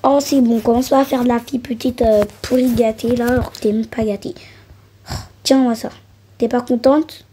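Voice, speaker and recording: A woman's voice: fairly high pitch, level tone, normal speed, mellow, husky. A woman voicing an impatient mother who scolds her daughter in a doll role-play. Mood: scolding. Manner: scolding, bossy.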